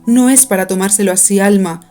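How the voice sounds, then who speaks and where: A woman's voice: medium pitch, a little fast, dark tone, faint music behind, close to an everyday voice. A woman reading an audiobook, voicing a cold, distant young man who answers curtly and dismissively.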